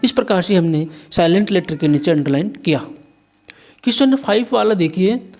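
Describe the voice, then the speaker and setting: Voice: medium pitch, darkish tone. A teacher from India walking through an exam paper, spelling words letter by letter and answering their own questions. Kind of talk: exam paper walkthrough lesson.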